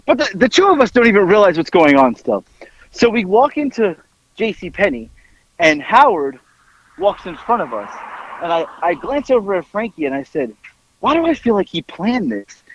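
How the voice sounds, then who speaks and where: A man spins a story for his podcast co-host, leaping into shrill yelps when he acts out the people in it. His voice sits high and swings widely. The sound is dull and dry, like a lo-fi home setup. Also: big pitch swings, normal speed, no room sound. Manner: acts out quoted voices with big jumps up into yelps. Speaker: podcast host telling stories. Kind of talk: animated storytelling.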